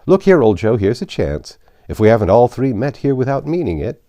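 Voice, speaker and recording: A man's voice: mid-range voice, very animated, brisk, mellow, dry recording, voice pushed up, natural voice. A man voicing a brazen working-class charwoman, bold and colloquial, in a storybook reading. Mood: brazen, defiant.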